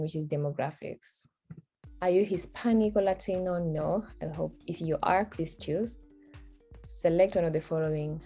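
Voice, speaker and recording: A young Kenyan woman whose first languages are Swahili and Luo hosts a screen-recorded video tutorial, walking casually through an on-screen form while thinking aloud and laughing at herself. Her voice is low-pitched and gravelly, with a warm tone.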